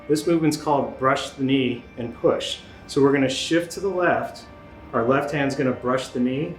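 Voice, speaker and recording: A man teaching tai chi step by step in a calm, unhurried, reassuring manner. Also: mid-range voice. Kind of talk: step-by-step guided movement instruction. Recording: roomy echo, guitar music behind.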